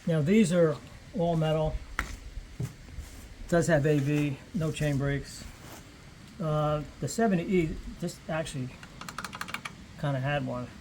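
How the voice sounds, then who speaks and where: A man with a thin, squeaky, reedy voice, explaining things casually and unscripted in a rambling, halting way as he thinks aloud. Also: background noise. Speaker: vintage chainsaw hobbyist explaining features.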